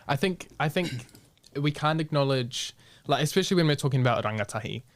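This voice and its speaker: A man's voice: fairly high pitch, expressive, brisk, no echo, studio quality. A young man with a New Zealand accent, a guest speaking bluntly and frankly in a casual interview, swearing freely and mixing in Māori words.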